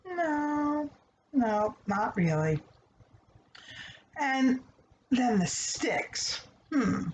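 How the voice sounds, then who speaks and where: Reading a storybook aloud, a female host and teacher gives a conversational, didactic children's lesson, asking listeners questions and then answering them herself. Her high voice swings widely in pitch and moves very slowly with frequent pauses. The room is echoey, with faint background noise.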